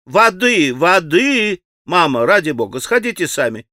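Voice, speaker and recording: A man playing an imperious young girl who barks orders, pitched high and loud. Her talk is urgent and bossy, recorded dry and close for a storybook. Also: sing-song, a little slow, no room sound, full character voice.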